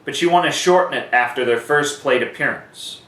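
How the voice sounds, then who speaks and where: A man of medium pitch, speaking at a moderate pace with a slightly bright quality, leads a laid-back instructional session on sports announcing, breaking things down step by step with demonstrations. Audio comes from a distant microphone in an echoey space.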